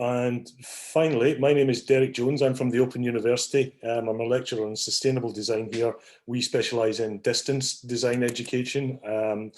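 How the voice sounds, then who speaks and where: A man with a medium-pitched, darkish voice runs a casual academic meetup on a video call. He speaks informally, peppering his talk with ums and little apologies.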